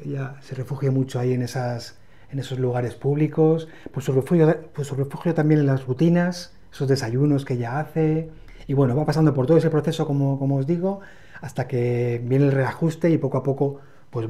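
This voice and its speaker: Mellow-voiced Spanish book reviewer. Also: male voice, mid-range voice. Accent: Spain Spanish. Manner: measured, explanatory summarizing. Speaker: book channel co-host.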